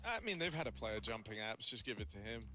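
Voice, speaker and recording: A man co-hosting an esports watch party, giving relaxed, wry commentary on the players. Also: fairly low pitch, quick pace. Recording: stream mic with background noise.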